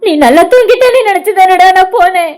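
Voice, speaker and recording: A woman's voice: very high voice, fast, a little mellow. A woman voicing a worried middle-aged mother in an amateur cartoon, talking in a wailing, distraught way.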